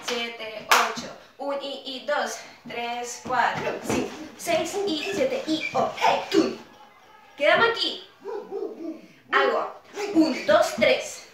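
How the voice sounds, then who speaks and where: High-voiced woman counting dance beats. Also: slow, heavy background noise. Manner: counts beats aloud over music, calls out hey. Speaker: dance instructor. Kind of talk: online dance class instruction. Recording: roomy echo, distant mic, loud music. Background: loud pop music.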